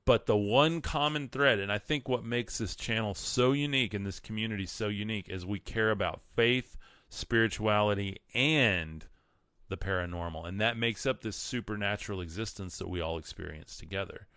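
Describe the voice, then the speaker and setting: A man's voice: lowish voice, normal speed, fairly bright tone, smooth, no room sound, studio quality. A man with a West Texas twang talking as a livestream host, earnest and emphatic, often repeating words for emphasis. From West Texas, United States. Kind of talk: casual livestream monologue with read-out comments and quotes.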